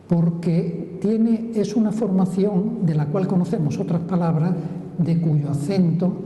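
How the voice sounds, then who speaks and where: A woman's voice: low voice, warm tone, slight background noise. A woman giving a public lecture on place names, explaining step by step and checking in with the audience as she goes. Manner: explanatory, frequent checking tags. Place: lecture hall. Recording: roomy hall echo, dull lo-fi sound.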